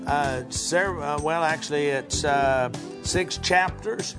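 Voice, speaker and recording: A man co-hosting a radio program, giving an unscripted product promotion with halting, hesitant phrasing. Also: a little high, music in the background. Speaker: radio co-host, preacher.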